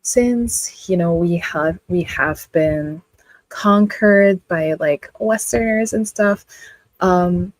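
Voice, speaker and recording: A young Filipino woman hosts a casual live reading stream, chatting and reading out viewer comments with a Filipino accent. She is chatty, laughs often and fills her speech with lots of "like," speaking slowly in a fairly low voice. The audio is poor, with no room sound.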